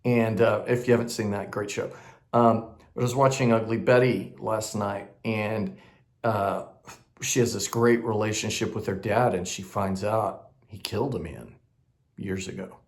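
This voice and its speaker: Slow, gravelly man teaching acting. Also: fairly low pitch, steady tone. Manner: loose, conversational, full of fillers and tag questions. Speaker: acting coach. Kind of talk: teaching audition technique.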